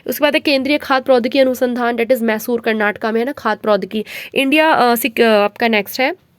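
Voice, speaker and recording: A young woman teacher races through exam revision notes in a quick, chatty way. Her voice is hoarse from a cold and sits fairly high. It is recorded close and dry, with no room sound. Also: no echo. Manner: rapid, chatty, Hinglish asides. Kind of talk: fast revision lecture.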